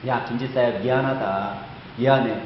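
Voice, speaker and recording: A man's voice: medium pitch, fairly even intonation, normal speed, a little hiss or hum, voice pushed down, close to an everyday voice. God as a fatherly old man, played by a preacher. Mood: soothing. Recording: echoey church hall, slightly dull sound.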